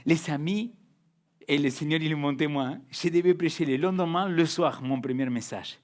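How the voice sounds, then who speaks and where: Speaking at normal speed in a slightly high voice, a young man preaches as a pastor in French, though not his native tongue. His delivery is emphatic, full of repeated words, and alternates between loud and soft.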